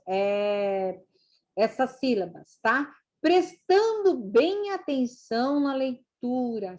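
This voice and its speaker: A woman teacher giving a slow literacy lesson for children, drawing out syllables and words. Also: fairly high pitch.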